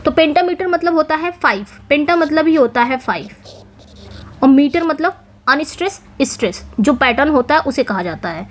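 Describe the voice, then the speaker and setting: High-voiced woman teaching English. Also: lively intonation. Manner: explains step by step, mixing Hindi and English, reads English phrases slowly. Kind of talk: exam-prep lesson explaining multiple-choice answers.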